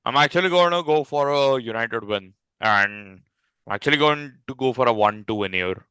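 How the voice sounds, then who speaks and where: A man's voice: medium pitch, normal speed, smooth, no room sound, highs cut off. A man co-hosting a casual football chat, often agreeing with short replies. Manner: brief agreeing replies, relaxed. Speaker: podcast co-host.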